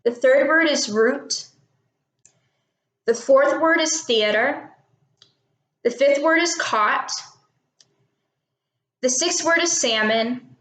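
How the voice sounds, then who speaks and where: Reading questions and a word list to her viewers, this 18-year-old vlogger from Texas, United States, is doing an accent tag in an echoey room. Her slightly high, fairly bright voice moves slowly, with frequent pauses. She comes across as chatty yet unsure, dropping in plenty of ums and little laughs.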